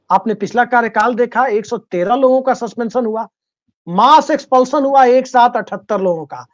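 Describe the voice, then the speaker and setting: A man's voice: very high voice, muffled recording. A man speaking as a political commentator on a panel, arguing his case with folk idioms and rhetorical questions.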